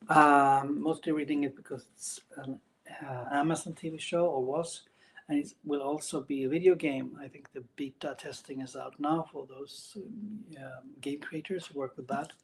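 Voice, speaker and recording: A man chatting casually and unscripted as a vlogger about his hobbies, speaking in a hesitant, halting way with broken phrases. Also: fairly high pitch, fairly even intonation, a little hiss or hum, poor audio. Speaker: book and gaming vlogger. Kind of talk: casual unscripted video chat about reading and games.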